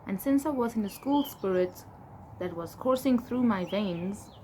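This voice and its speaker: A young adult woman with a South African accent, reading aloud and chatting casually in a candid, expressive way. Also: medium pitch, measured pace. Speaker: vlogger. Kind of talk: casual reading of old diary entries with asides. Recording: clear background noise.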